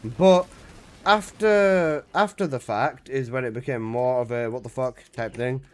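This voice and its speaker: A man in his twenties chats casually on a live game stream, speaking at a medium pitch and a slightly slow pace. He reads chat messages aloud, protests loudly, and swears casually.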